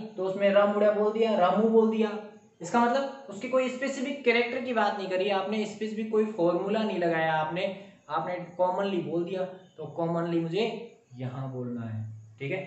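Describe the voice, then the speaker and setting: A man teaching a chemistry lesson, animated and often quizzing his students. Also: sits high. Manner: animated, keeps quizzing the class. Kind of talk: classroom lecture. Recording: roomy, distant, muffled sound.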